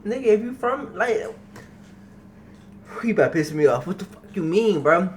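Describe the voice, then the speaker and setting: A man's voice: high-pitched, animated, normal speed. A young man hosting a reaction video, talking casually with profanity and repeating himself.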